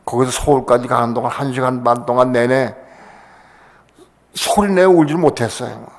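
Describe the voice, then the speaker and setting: Gravelly older pastor preaching emotionally. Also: male voice, normal speed. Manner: emotional, pitch rising sharply in passionate bursts. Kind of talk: sermon testimony. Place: church sanctuary. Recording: church hall with long reverb.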